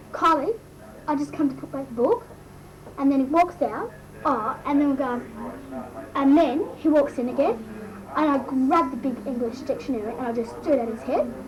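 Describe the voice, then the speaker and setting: A woman's voice: high-pitched, close to an everyday voice. A woman doing an amateur comic impression of a bratty, gossipy Australian teenage schoolgirl "mole", telling embarrassed, slangy stories in a breathless drawl. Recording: noisy amateur recording, distant mic.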